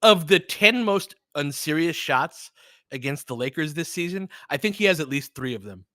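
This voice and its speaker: In a close, dry recording, a man with a fairly high, bright, forceful voice hosts laid-back live sports commentary at a normal speed. Expressive and mildly profane, he talks right to his listeners, alternating between play-by-play and analysis.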